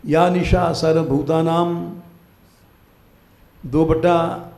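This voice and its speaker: An older man delivers a live spiritual discourse, slow and deliberate, pressing his listeners to rise and be diligent. His voice sits a little high yet sounds mellow. It rings out in a roomy hall. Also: flat delivery, gravelly. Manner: exhorting, commanding listeners to wake up. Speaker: spiritual teacher giving a discourse. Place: temple hall, live gathering.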